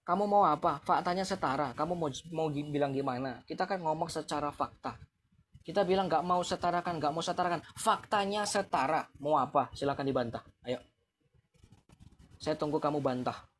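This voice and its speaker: A man's voice: fairly high pitch, fairly quick, a bit bright, a little hiss or hum. Man taunting viewers on a live stream. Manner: taunting, challenging with rhetorical questions; chuckles mockingly between points.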